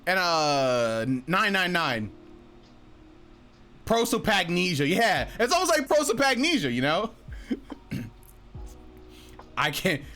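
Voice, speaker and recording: A man's voice: mid-range voice, pushed and bright. A young man streaming from home and chatting casually with viewers, teasing them and laughing often. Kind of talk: casual chat reading viewer messages.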